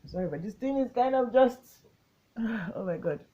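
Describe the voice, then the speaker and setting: A woman's voice: fairly high pitch, unhurried, dull audio. A woman, chatting casually to her channel in a rambling storytime vlog. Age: 20s. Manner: chatty, rambling, gets excited recounting the story. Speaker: vlogger.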